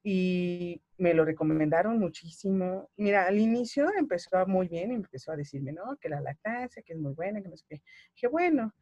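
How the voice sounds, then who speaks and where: A Mexican woman in her thirties tells her own story as a mother, animated and emotional, slipping into the voices of the people she quotes. The sound is dry and close, with no room around it. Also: fairly low pitch, normal speed, no echo, muffled recording. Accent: Mexican Spanish. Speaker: guest mother. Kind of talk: personal story in conversation.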